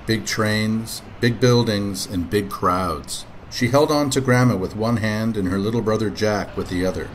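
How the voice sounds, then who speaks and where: A father reading a children's picture book aloud with expressive, animated storytelling. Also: fairly low pitch, measured pace, few pauses, a little hiss or hum.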